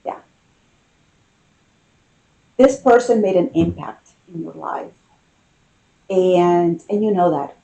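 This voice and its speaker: A tarot reader talking in an intimate, conversational style, musing in short phrases with pauses between them. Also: medium pitch, creaky, warm tone, poor audio.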